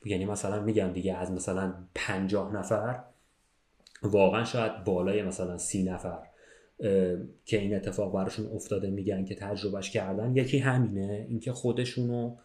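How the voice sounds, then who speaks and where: His voice is lowish, steady, and darkish as he casually recounts a story for a podcast, repeatedly checking in with the listener. It's recorded in a roomy, echoey space.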